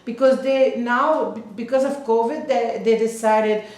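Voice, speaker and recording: A woman's voice: on the high side, steady tone, a little slow, darkish tone. A woman in her fifties from Belgium, a real estate agent interviewing clients in a casual chat, explaining at length with many restarts. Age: 50s. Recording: echoey room.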